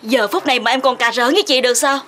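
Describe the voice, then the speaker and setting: A woman's voice: high-pitched, fast, fairly bright tone. A tearful middle-aged mother. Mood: worried. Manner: tearful, pleading. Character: distraught rural mother begging her son to stay. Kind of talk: TV drama acting.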